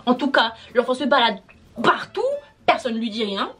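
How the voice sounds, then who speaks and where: A woman's voice: on the high side, moderate pace, a bit bright. A young woman vlogging a storytime, exasperated and slangy, swearing as she vents. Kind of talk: casual storytime monologue.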